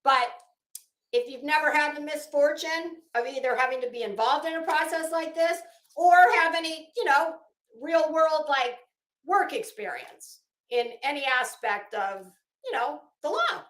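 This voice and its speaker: Speaking at a very unhurried pace, this woman hosts online commentary in a rant full of profanity and bluntness. Her high, fairly bright voice hits words hard and stops and starts haltingly, all in an echoey, roomy space.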